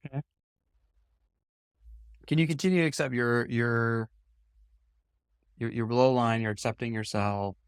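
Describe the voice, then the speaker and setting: Middle-aged male coach, mid-pitched, dry close sound, probing and searching. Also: steady tone, unhurried, pauses often, smooth, no echo. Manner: probing, uses many fillers and restarts. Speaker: coach and podcast co-host. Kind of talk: coaching conversation.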